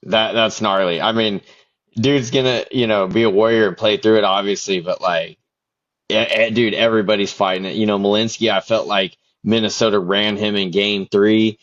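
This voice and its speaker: A laid-back man chatting about hockey injuries as a podcast co-host, with a lowish voice. He drops in "dude" and "yeah" often. The recording sounds dull and lo-fi. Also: steady tone, normal speed, fairly bright tone. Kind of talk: casual sports chat.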